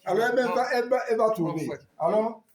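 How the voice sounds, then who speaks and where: A man teaching a Hebrew class, quizzing students on words and gently correcting them. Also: very high-pitched, animated, fast, reverberant, rough recording. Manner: questioning and correcting students, encouraging. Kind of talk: classroom lesson.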